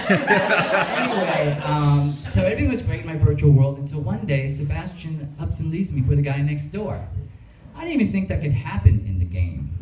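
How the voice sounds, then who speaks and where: A male stand-up comedian with a fairly high, lively voice and a self-mocking delivery peppered with ums and uhs. He is heard from a distance in an echoey club. A crowd laughs along. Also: normal speed, noisy background. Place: comedy club with live audience. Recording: roomy stage sound from afar.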